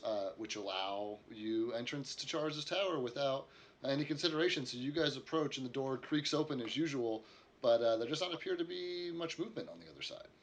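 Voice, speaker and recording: A man's voice: medium pitch, slight background noise. A man running a tabletop game as game master, narrating loosely with lots of fillers from an air-conditioned room. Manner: loose and rambling, many fillers.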